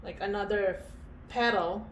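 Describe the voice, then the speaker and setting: A woman giving a casual painting tutorial, thinking aloud in short, halting phrases as she works. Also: medium pitch, slight background noise. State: breathing heavily. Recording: echoey room with faint ambience.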